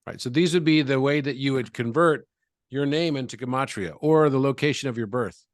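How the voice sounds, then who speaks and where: A man with a mid-pitched voice who is a guest in an interview. He explains calmly and patiently, walking through examples one step at a time. The sound is dry, with no room echo. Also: brisk.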